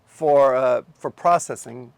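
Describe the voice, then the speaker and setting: Man, gravelly, dry recording, rambling casual shop talk. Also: medium pitch, takes it slowly, no echo. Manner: rambling, repeats himself, restarts. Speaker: camera shop owner. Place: used camera shop.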